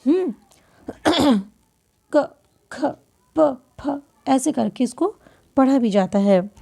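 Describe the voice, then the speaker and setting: A woman teaching a grammar lesson step by step, posing questions and answering them herself, often clearing her throat and correcting herself. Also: high-pitched, dark tone.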